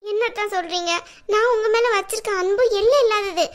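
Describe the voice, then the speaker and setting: A woman's voice: very high-pitched, fairly quick. A woman voicing a scheming young woman in a cartoon drama, who coaxes and pleads sweetly. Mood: sugary pleading.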